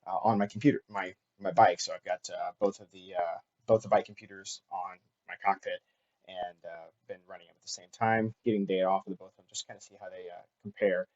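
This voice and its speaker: A man talking casually and unscripted as host of a cycling vlog, halting often with fillers and restarts. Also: low-pitched, fairly even intonation, a little mellow, dull audio. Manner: halting, filler-heavy delivery with frequent restarts.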